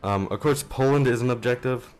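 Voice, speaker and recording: A man's voice: mid-range voice, fairly quick, darkish tone, soft background music. A young man giving casual, rambling let's play commentary at home, offhand and self-deprecating, on a modest mic. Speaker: gaming channel host.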